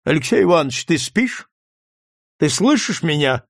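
A cold, scheming doctor in a storybook reading, speaking slowly and quietly with a slight gravelly edge, as a male narrator plays him. The voice sits in an ordinary middle register, recorded close and dry. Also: medium pitch, big pitch swings, no echo, full character voice. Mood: cold taunting. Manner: quiet measured deliberate speech. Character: cold calculating male doctor, calm and scornful.

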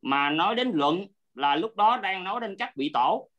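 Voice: medium pitch, expressive, moderate pace, a bit bright. A teacher talks a student through a Buddhist text over an online call. The explanation is patient, with frequent checks that the listener is following. The audio sounds dull and lo-fi. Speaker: Abhidhamma teacher.

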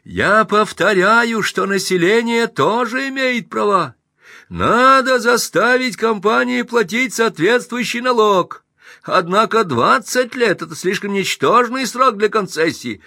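High-pitched panicky alderman shouting back at a mob, put on by a male reader, audiobook. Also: expressive, normal speed, no room sound, clean studio sound, heavily acted. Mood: frantic protest. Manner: shouting, frantic protesting. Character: flustered middle-aged male alderman under attack.

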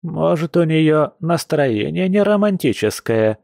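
A man voicing an amused, sly old village grandmother who talks in a slow, ironic drawl. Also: on the high side, animated, darkish tone, dry recording, studio quality, pitched above the performer's own voice. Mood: teasing.

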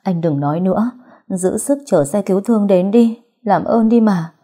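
A woman voicing a frightened young woman who pleads and shouts tearfully in an audio story. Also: mid-range voice, moderate pace, close to an everyday voice. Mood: sobbing, pleading.

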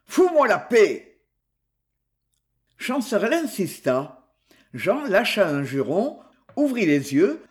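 A reader narrating a crime novel. The pace is slow and deliberate, with lively, animated pitch. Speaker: audiobook reader.

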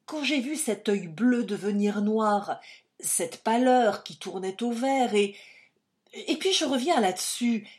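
A woman voicing a big, cowardly male informer who pleads in a loud, agitated rush in a read-aloud story. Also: a little high, lively intonation, slow, voice pushed up. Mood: flustered, pleading. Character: cowardly burly male informer, blustering and frightened.

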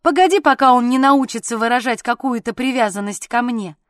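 A petulant young husband, jealous and quick to sulk, barks his grievances in a high, strained voice, as a woman reads him. The audiobook sound is dry and close, with no room around it. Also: dry recording, lightly acted. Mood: grumbling. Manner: loud, sulky and exasperated. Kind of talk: audiobook character voicing.

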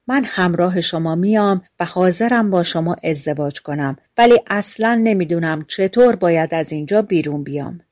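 A woman's voice: lowish voice, expressive, hardly any pauses, no room sound, clean studio sound, natural voice. A woman voicing an innocent young tower girl. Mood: gentle. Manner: soft, innocent tone.

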